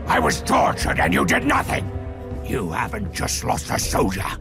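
A man voicing a stern, intense orc soldier in a video game, with a gravelly voice. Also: low voice, wildly swooping pitch, normal speed, over music. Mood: betrayed anger.

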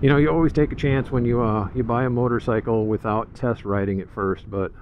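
A man's voice: medium pitch, steady tone, brisk. A man giving casual, easygoing riding commentary from inside a helmet as he vlogs on a scooter. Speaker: motorcycle vlogger. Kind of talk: casual first-ride vlog commentary while riding. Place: outdoors, riding a scooter through town streets. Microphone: mic inside a motorcycle helmet. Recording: muffled helmet mic, loud wind and road noise.

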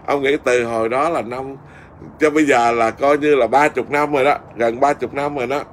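A man's voice: medium pitch, steady tone, normal speed, a little hiss or hum. A middle-aged man, a Buddhist monk with a Southern Vietnamese accent, telling a story in casual conversation with a lot of fillers and restarts. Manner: rambling, with many fillers and restarts.

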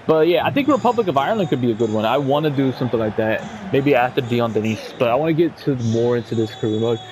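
A young man giving casual, chatty commentary over his football video game, bursting into excited shouts at goals. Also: medium pitch, noisy background. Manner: excitable, shouts goal celebrations, chatty slang. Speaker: gaming YouTuber.

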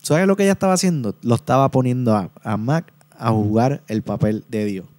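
A podcast host reviews a book in an earnest, casual way, frequently repeating himself and restarting his words. His mid-range voice is fairly quick and a little mellow.

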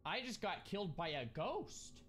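A young man with a high voice gives live gameplay commentary over a headset mic in a small room, speaking at a measured pace with soft music in the background. He sounds puzzled, then thrilled, exclaiming excitedly as events unfold.

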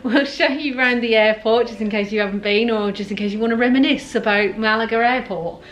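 A young travel vlogger chats on a handheld phone, moving from a hotel buffet to an airport terminal, with many hesitant ums. Her voice is on the high side, steady and a little fast. The rough recording has clear background noise.

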